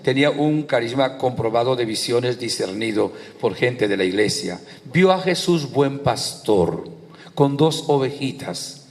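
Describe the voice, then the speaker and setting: A man with a Venezuelan accent, a priest giving a sermon, telling stories with lively emphasis and building up on repeated phrases. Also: medium pitch, measured pace, gravelly, long reverb tail. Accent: Venezuelan Spanish. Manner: lively storytelling preacher, rising on repeated phrases.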